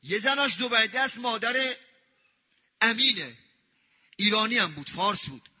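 Male preacher, very high voice, fiery pulpit delivery with rhetorical questions and chanted scripture; dull lo-fi recording with long reverb. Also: expressive. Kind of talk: pulpit sermon.

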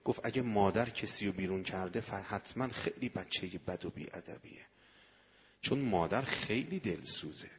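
Impassioned preacher man, husky and muffled. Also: low-pitched, big-room sound. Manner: swings from hushed to loud impassioned calls. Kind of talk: sermon with storytelling.

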